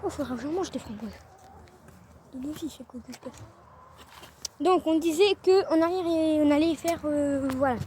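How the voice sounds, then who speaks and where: This casual vlog comes from a northern French teenage girl standing by the chicken coop in her garden. Her high-pitched voice has a darkish tone over a little hiss or hum, and she rambles, frequently trailing off mid-sentence.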